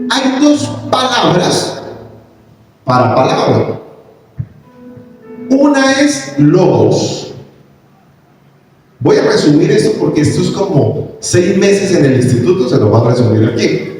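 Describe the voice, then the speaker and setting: Slow, animated pastor preaching in an echoey hall. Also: male voice, high voice. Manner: animated preaching, rising to shouts on key lines. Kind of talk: sermon. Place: large church hall. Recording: echoey hall, picked up from a distance.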